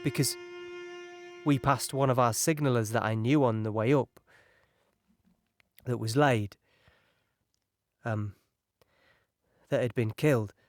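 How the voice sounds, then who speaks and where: A shaken young soldier, played by a man, tells his story in halting bursts, in a mid-pitched voice. The sound is dry and close, as in a studio audio drama. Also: no room sound, faint music behind. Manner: halting, shaken, recalling horror in present tense. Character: young British soldier, wireless signaller, landing on a beach under fire. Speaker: actor playing a soldier.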